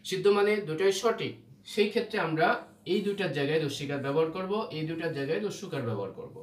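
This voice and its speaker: A man's voice: fairly high pitch, animated, quick pace, far from the mic. A man teaching Bengali spelling rules for exams, explaining patiently and often checking that students follow. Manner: explains patiently, often asks "ঠিক আছে?". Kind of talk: exam-prep spelling lesson. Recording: roomy echo, from away from the mic, faint hum.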